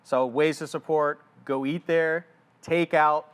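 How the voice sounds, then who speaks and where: A man hosting a live cooking demo, upbeat and playful, quick with a joke. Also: on the high side, steady tone, a bit bright, smooth. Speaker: host.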